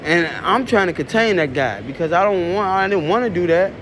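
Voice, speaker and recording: High-voiced man. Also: lively intonation, brisk, a bit bright, slight background noise. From Chicago. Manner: profane, rambling storytelling. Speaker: show host. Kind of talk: casual monologue.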